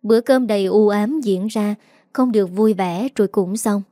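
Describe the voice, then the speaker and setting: Mellow woman narrating a story. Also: medium pitch, normal speed, dry recording, clean studio sound. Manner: even, steady storytelling. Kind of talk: scripted audiobook narration.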